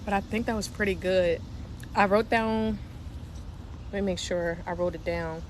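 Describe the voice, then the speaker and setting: The host of a spiritual livestream, a young woman from Delaware, has a slight New York twang and keeps things casual, profane, and full of laughter. Her medium-pitched voice moves at a normal speed, captured in low quality with steady background noise.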